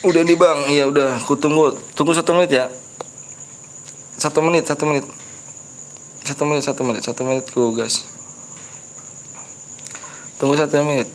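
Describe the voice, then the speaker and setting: A man's voice: on the high side, fairly even intonation, moderate pace, long pauses, a little hiss or hum. Chatty Betawi-accented man streaming live. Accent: Betawi Jakarta. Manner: chatty, reads viewer comments aloud, lectures rude viewers on politeness. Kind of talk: casual live stream chat.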